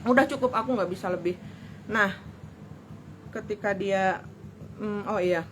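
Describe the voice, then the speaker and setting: A woman's voice: mid-range voice, unhurried, fairly bright tone, a little hiss or hum, low-quality recording. A young woman, chatting about a relationship with an aggrieved tone and quoting past arguments. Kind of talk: personal storytelling.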